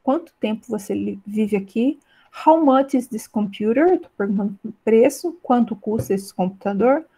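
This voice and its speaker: Teacher, mellow voice, English examples. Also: female voice, fairly high pitch, expressive. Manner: explains in Portuguese, reads English examples slowly and clearly; keeps checking in with "né?" and "tá?". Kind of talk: online class lesson.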